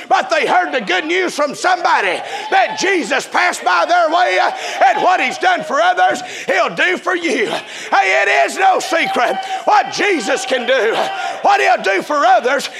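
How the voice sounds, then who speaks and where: A man preaching a revival sermon in a chanting, shouting cadence. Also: very high voice, creaky.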